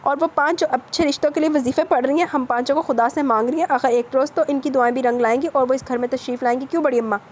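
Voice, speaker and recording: Playful young man, fast-talking, joking, woman reader voicing him. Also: high voice, steady tone, a little mellow.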